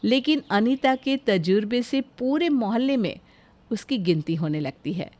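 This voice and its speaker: A woman narrating a moral story in a steady, scripted storytelling manner. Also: on the high side, a little slow.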